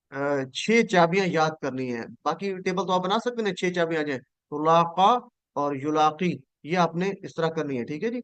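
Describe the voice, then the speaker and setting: A man teaching Quranic Arabic in an online class, patiently saying each verb form slowly and having students repeat it after him. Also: sits high, a bit bright, no echo.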